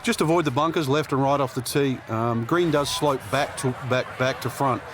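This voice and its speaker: A man's voice: mid-range voice, moderate pace. Male golf commentator, conversational analyst, noisy background. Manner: conversational, explains in asides.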